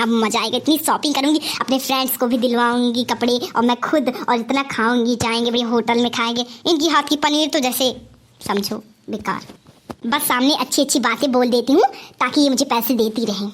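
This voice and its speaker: Cartoon comedy: a woman plays a spoiled, sly elder daughter, high voice, Awadhi-tinged Hindi, sugary to mom and nasty behind her back. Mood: gloating. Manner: bossy and sly, sweet to her mother, mean in asides. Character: spoiled scheming young woman, college-going elder daughter.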